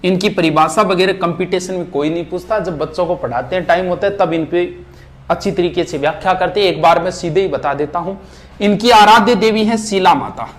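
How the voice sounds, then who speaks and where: A man teaching a history revision lesson at a board, reciting names and facts in quick lists. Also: sits high, slight background noise. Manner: rapid, list-like recitation. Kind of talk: fast exam revision lecture at a board. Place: classroom with board.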